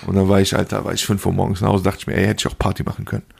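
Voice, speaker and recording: Young man, gravelly, husky, low-ish voice, animated slang-heavy storytelling. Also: racing. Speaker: podcast co-host. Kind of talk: casual chat.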